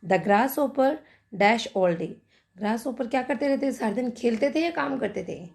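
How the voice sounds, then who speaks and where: A woman teacher with an Indian accent, explaining an English lesson to young pupils and reading each English line out slowly before explaining it. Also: fairly high pitch, lively intonation, gravelly, a little mellow. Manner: reads English lines very slowly, then explains.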